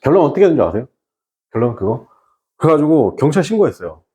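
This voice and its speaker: A man's voice: a little high, sing-song, quick pace, mellow. A man teaching an exam-prep English class, firing rhetorical questions and mixing in English terms. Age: 30s or older. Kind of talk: online lecture with an anecdote.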